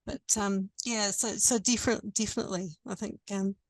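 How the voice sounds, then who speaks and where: A woman gives an informal panel response in a medium-pitched voice. She is hesitant and halting, searching for words, and the sound is dry with no room echo. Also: fairly even intonation. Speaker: conference panellist.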